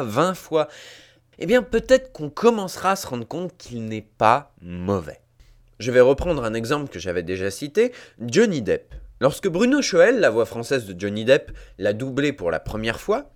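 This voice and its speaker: A man hosting a scripted commentary, talking emphatically and addressing listeners directly. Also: fairly high pitch. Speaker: host.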